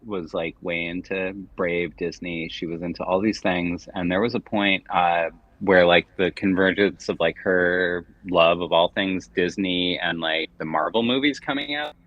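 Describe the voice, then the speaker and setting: A middle-aged man co-hosting a casual gaming livestream, rambling with halting, repeated words as he chats and reads game text aloud. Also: deep voice, no room sound, lo-fi sound. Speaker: livestream co-host.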